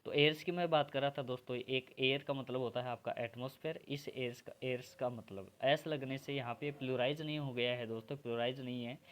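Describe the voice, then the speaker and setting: A man's voice: medium pitch, steady tone, fairly quick, few pauses, a little hiss or hum. Male grammar teacher. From India. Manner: explains step by step, keeps saying "friends". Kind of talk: exam-prep grammar lesson.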